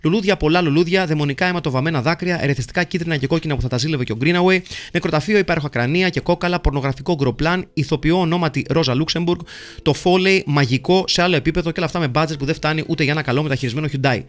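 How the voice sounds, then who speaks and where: A man hosting a podcast, reading listener messages aloud in a playful, jokey way and rattling through lists of names. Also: a little high. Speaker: podcast host.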